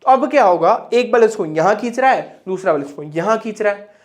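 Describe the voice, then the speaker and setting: A man's voice: high voice, animated, fairly quick. A young man teaching a physics lesson at a board, chatty, asking and answering his own questions and repeating words for emphasis.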